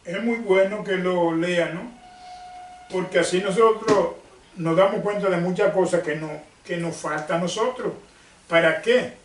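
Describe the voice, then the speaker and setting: A male preacher gives a sermon, slowly and emphatically, asking questions and answering them himself. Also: high-pitched, distant mic, slight background noise. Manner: slow, emphatic, asks and answers own questions. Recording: echoey room, off-mic.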